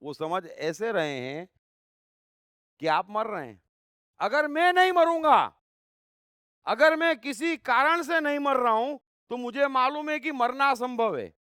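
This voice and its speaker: A man's voice: very high voice, lively intonation, a little slow, pauses often, pushed and bright, clean tone, no echo, clean studio sound. A man giving a spiritual discourse on scripture, speaking emphatically, with rhetorical questions and repeated phrases.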